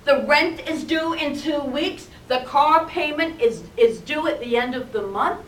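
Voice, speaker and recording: A frightened single mother pleads in a rush of anxious words, as a woman preacher acts her out. Her voice sits fairly high and comes from a distance, ringing in an echoey room. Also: unhurried, fairly bright tone, a little hiss or hum. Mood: panicked pleading.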